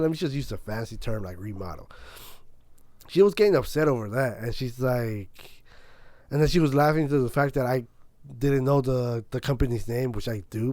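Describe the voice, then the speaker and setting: A man's voice: medium pitch, fast talker, darkish tone, dry recording. A young man co-hosting a podcast, telling a long story in casual chat, rambling, swearing and acting out both sides of an argument. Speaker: podcast co-host.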